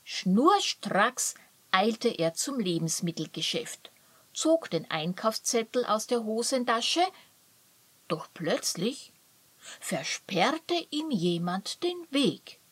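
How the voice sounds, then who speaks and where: A woman calmly reading a children's story aloud. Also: a little high, slow pace, husky, no room sound. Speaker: narrator.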